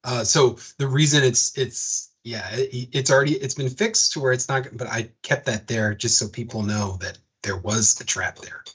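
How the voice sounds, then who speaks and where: A man's voice: medium pitch, moderate pace, few pauses, a bit bright, breathy edge. A man acting as game master of a tabletop game, talking casually and correcting himself as he goes. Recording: dull lo-fi audio.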